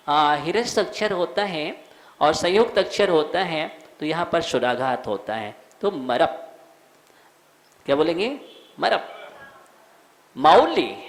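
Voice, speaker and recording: A man, a monk, teaching the recitation of a devotional verse, slowly sounding out each word and asking listeners to repeat. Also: sits high, a bit bright. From India. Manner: slow, repeats words, quizzes listeners; chants verses in a sung tone. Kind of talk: recitation and pronunciation lesson.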